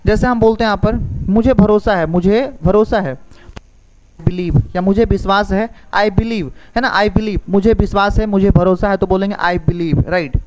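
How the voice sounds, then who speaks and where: A man teaching a spoken English lesson, repeating each phrase slowly and quizzing the listener with questions. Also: high voice, slight background noise, low-quality recording. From India.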